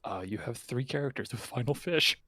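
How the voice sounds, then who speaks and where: A man's voice: medium pitch, lively intonation, brisk, sharp tone, no echo. A man chatting casually as a stream guest over group voice chat, often restarting his sentences and slipping in puns. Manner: stammering restarts, punning. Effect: heard over group voice chat.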